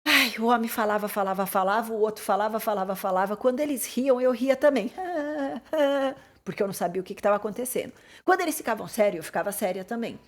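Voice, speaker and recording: A Brazilian woman with a Brazilian Portuguese accent, a life coach telling a personal story in an animated, expressive way. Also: fast. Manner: animated and expressive, pitch and loudness swinging as the story builds.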